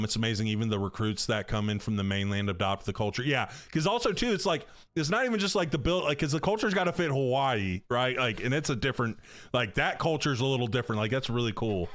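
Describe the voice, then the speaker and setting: A man in his thirties chats casually while streaming a video game. His voice sits a bit low, and he talks in a loose, slangy way with plenty of filler words. The sound is dry and close. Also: a bit bright, no room sound. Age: 30s. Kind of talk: casual live-stream chat.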